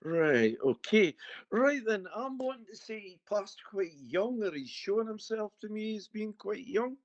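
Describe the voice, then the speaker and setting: A man's voice: sits high, very animated, measured pace, dry recording. A man with a broad Scottish accent, working as a medium and chatting informally, with some banter, in a one-to-one reading. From Scotland. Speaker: spirit medium giving a private reading. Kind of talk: casual chatty one-to-one consultation. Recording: dull, muffled lo-fi sound.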